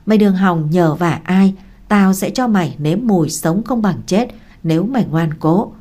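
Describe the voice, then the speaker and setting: A woman's voice: fairly low pitch, normal speed, warm tone, lightly acted. A woman voicing a violent young husband who snarls threats in harsh, menacing tones.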